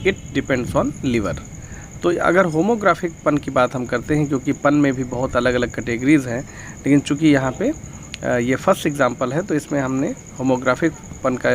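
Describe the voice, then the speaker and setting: A male tutor explains grammar in a gravelly voice. He reads each example sentence slowly and fills his pauses with hesitant sounds. A faint hiss sits under the recording. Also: mid-range voice. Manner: mixes Hindi and English, reads examples slowly, frequent fillers. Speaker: English teacher.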